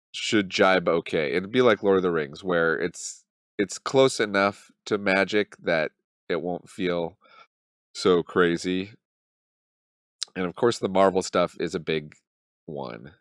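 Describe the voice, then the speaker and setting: Here a commentary-channel host in his thirties, nursing a cold, thinks out loud with lots of ums in a wry, loose, mock-dramatic manner. The low voice is a bit bright with a clean tone. It's studio quality, without echo.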